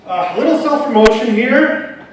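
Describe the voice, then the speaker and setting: A Russian-accented man in his thirties, with a high voice, gives a loose, joking speech with many fillers as an awards presenter. He speaks slowly from a distance in a big, echoing theater. A faint hum of the room sits behind him. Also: expressive. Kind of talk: live stage speech. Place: large theater stage. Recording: echoey theater, distant mic.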